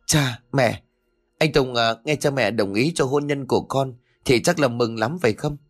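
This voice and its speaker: A man's voice: medium pitch, moderate pace, faint music behind, natural voice. A man voicing a pregnant young village woman who pleads in a raised, strained voice. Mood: hopeful.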